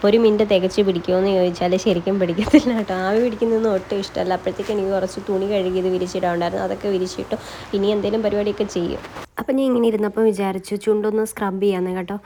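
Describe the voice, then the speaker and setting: A woman's voice: mid-range voice, steady tone, rapid-fire, warm tone, slight background noise. A woman vlogging about her day in a chatty, casual way, often tagging friendly asides onto her sentences. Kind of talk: casual daily-life vlog narration.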